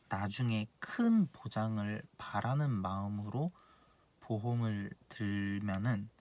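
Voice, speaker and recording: Speaking casually and directly to the camera, a late-twenties insurance planner gives blunt, earnest advice, repeating each point to drive it home. His pitch is ordinary and his tone slightly mellow.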